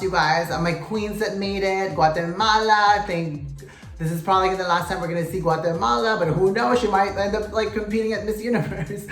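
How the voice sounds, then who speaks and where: A pageant vlogger with a mid-range, slightly bright voice gives a casual, sassy, gossipy recap to camera, often addressing viewers as "you guys" and "queens." The room has a roomy echo, and faint music plays underneath.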